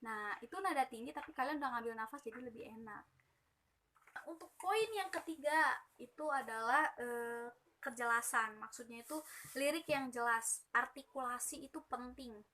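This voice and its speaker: Bright high-voiced young woman explaining singing. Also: moderate pace, a little hiss or hum. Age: young adult. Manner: chatty, many fillers, demonstrates by singing. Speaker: student presenter. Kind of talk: casual explanatory singing tips.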